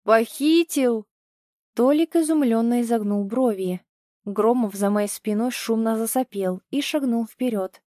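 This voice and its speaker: A woman's voice: fairly high pitch, moderate pace, warm tone, dry recording, clean studio sound. A woman reading a first-person audiobook with tense, emotional storytelling. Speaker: audiobook narrator.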